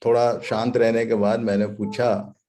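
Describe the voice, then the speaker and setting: A man's voice: medium pitch, flat delivery, moderate pace, warm tone. A man preaching a sermon, putting questions to the congregation and stressing points with English phrases. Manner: quizzes the congregation, emphatic, drops in English phrases.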